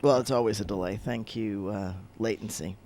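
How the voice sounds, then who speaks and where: Rambling rabbi on a radio show. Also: male voice, fairly low pitch, moderate pace, a little mellow, slight background noise. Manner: rambling, hesitant with many fillers. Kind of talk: casual radio chat.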